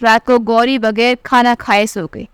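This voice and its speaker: A woman narrating a family story in the first person as a storyteller, reading every character's lines in her own voice and lifting her pitch for the quoted speech. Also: level tone, unhurried, clear, resonant tone, dry recording, clean studio sound. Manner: reads all the dialogue in one voice, pitch rising for quoted lines.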